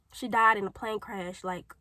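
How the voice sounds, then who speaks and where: A woman's voice: on the high side, takes it slowly, pushed and bright, no echo, rough recording. A young woman from St. Louis, Missouri, with a St. Louis accent, telling her personal story in a rambling, chatty way with lots of fillers and tangents, a little congested from a cold. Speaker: vlogger. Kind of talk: personal testimony, casual talk to camera.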